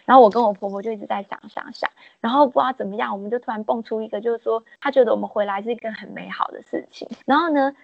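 A woman, being interviewed and telling lively stories about her work. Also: on the high side, very fast, gravelly, few pauses, dry recording. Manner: lively anecdotal storytelling, acts out quotes. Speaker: interviewee, peanut business owner. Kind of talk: interview storytelling. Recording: dull lo-fi dry recording.

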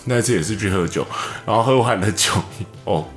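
A man with a Taiwanese Mandarin accent, co-hosting a casual podcast chat and telling animated stories. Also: fairly quick. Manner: animated storytelling, acts out quotes in a high voice. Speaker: podcast co-host. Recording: echoey room with faint music.

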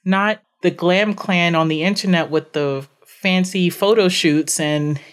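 Woman, podcast guest, animated storytelling, emphatic repetition, lower pitch. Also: unhurried. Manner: emphatic, repeats phrases for effect, acts out her own reactions. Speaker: podcast guest, business owner.

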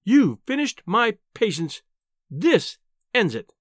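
In an audiobook, a man voices a small, furious, indignant wife, screaming and wailing as she scolds, in a full character voice pitched well above his own. The voice is very high, with wildly swooping pitch, slow pacing and studio quality with no room sound.

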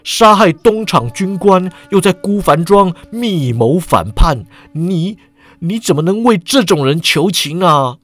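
A man voicing a domineering old male eunuch lord who scolds sternly, his voice rising high when angered. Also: animated, measured pace, fairly bright tone, faint music behind, full character voice. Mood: angry, scolding.

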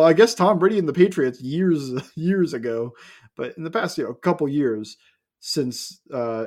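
A man's voice: mid-range voice, a little mellow. A man co-hosting a sports podcast, talking casually and opinionatedly, firing off rhetorical questions. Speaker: podcast co-host.

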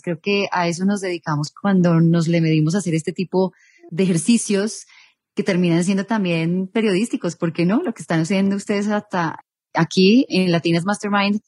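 A Colombian journalist in her thirties, appearing as an interview guest, speaks thoughtfully in Colombian-accented Spanish and rephrases her ideas as she talks. Her voice sits on the low side with a darkish tone, in a dry recording.

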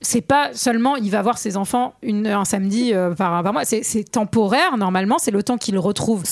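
A woman's voice: mid-range voice, normal speed, creaky, no echo, studio quality. A woman on a podcast panel explaining the story of a film scene by scene in casual chat. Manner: explains plot, steers scenes.

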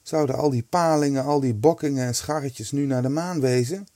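A man narrating a storybook in a lively, expressive reading. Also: mid-range voice, a little fast, no echo, clean studio sound.

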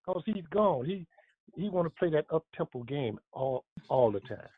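A man in his seventies, a former pro basketball player, reminiscing in a casual interview, rambling with many restarts, with a husky voice. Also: on the high side, big pitch swings, moderate pace, no echo. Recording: tinny phone line.

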